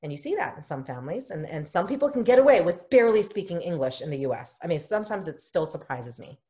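Speaking quickly and very animatedly in a lowish, warm voice, a middle-aged family therapist from the United States leads an online workshop from her home office. She is earnest and explanatory, frequently acting out quoted voices, and is picked up by a webcam on a video call.

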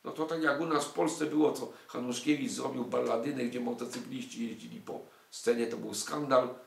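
A man's voice: medium pitch, steady tone, moderate pace, vocal fry, a little hiss or hum. An older man giving an emphatic lecture to an audience, full of rhetorical questions and indignant asides. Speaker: lecturer on music and culture. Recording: echoey room.

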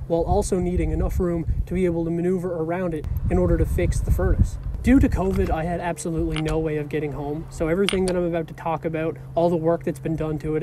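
A young man seated on a rocky seashore, telling a car story to the camera in a relaxed, conversational way with fillers. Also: fairly high pitch, background noise. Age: young adult. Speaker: car vlogger. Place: rocky seashore outdoors, beside a small fire.

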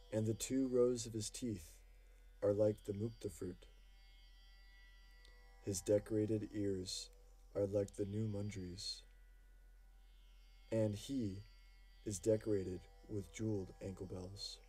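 Low mellow guy reading devotional verses slow and reverent, kinda husky, soft music behind. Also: fairly even intonation. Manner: slow, measured, reverent delivery. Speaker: audiobook reader. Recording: music playing faintly behind.

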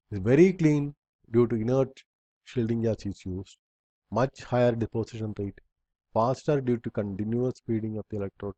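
A man's voice: medium pitch, mellow, no echo, dull audio. A man instructor reading slide bullet points aloud in a recorded lecture, in short fragments with small slips and restarts.

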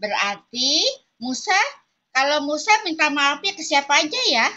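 A woman's voice: high-pitched, very animated, normal speed, sharp tone, highs cut off. A young woman teaching kindergarten children in an online class, coaxing and playful in a singsong way.

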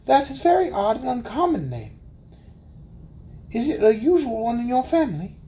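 A timid storybook mouse squeaks in a high, anxious voice, as a woman puts her on. Her worried questions and sudden cries jump well above the reader's own mellow voice. She sounds trusting and easily alarmed. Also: very animated, moderate pace. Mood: puzzled. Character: fretful, trusting little female mouse.

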